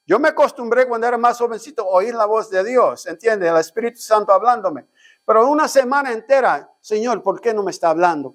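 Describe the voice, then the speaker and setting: A man, preaching a Sunday school sermon as a pastor, often turning to the congregation with amens and questions and acting out his own prayers. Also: high-pitched. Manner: dramatizes his own prayers, rising to a shout.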